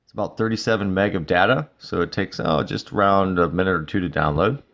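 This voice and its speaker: Low-voiced man walking through an app. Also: brisk, creaky. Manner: relaxed, filler-laden walkthrough. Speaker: instructor. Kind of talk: screen-recorded app tutorial.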